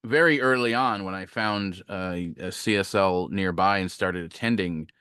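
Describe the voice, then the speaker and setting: Man, low smooth voice, dry close mic, chatty reflective sermon delivery. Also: normal speed, no echo. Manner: relaxed, reflective, with fillers and self-corrections. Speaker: guest minister. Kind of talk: conversational sermon. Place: online talk, home setup.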